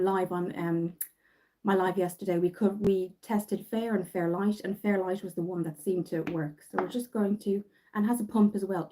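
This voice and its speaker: Chatty Irish woman, mellow voice. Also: medium pitch, rough recording. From Ireland. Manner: chatty, rambling, many fillers and restarts. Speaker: makeup vlogger. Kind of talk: casual livestream makeup tutorial. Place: bedroom at home.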